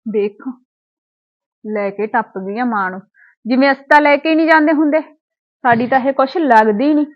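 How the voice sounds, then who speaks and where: An actress playing a resentful, sarcastic sister-in-law in a Punjabi short film, grumbling with a Punjabi accent. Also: female voice, sits high, moderate pace, lo-fi sound, lightly acted. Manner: grumbling to herself, sarcastic, needling. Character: resentful village sister-in-law, sharp-tongued. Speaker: actor.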